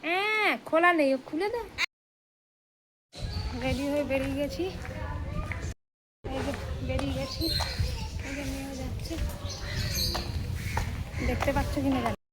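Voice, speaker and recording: Chatty high-voiced mother vlogging at home. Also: unhurried, long pauses. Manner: chatty, talks to her children and viewers in turn. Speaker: mother vlogging her day. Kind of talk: casual home vlog narration. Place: family home. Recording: loud background noise.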